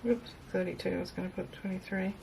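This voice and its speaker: Tinny, low-pitched woman on camera mic. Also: fairly even intonation, quick pace, dark tone. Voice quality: tinny, sounds like in a tin can. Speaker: craft video maker. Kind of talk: casual craft demonstration, thinking aloud. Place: indoors at a craft table. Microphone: built-in camera microphone, overhead at a distance. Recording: tinny built-in camera microphone, clear background noise.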